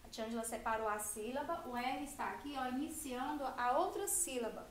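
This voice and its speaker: Brazilian teacher, woman, high voice, patient and explanatory, echoey room with faint hiss. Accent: Brazilian Portuguese. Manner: patient, explanatory, stresses example sounds slowly. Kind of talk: children's grammar lesson.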